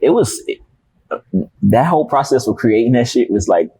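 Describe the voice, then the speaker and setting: A young rapper from Miami, Florida, guesting on a casual interview, tells loose, laid-back stories full of slang and profanity. His mid-range voice is mellow and husky, with lively intonation and a moderate pace. The recording is rough.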